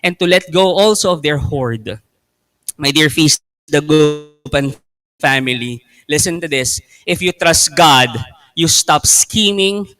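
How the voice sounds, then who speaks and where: Bright-voiced Filipino preacher. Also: male voice, a little high. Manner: emphatic, slow repetition of key questions. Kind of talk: sermon.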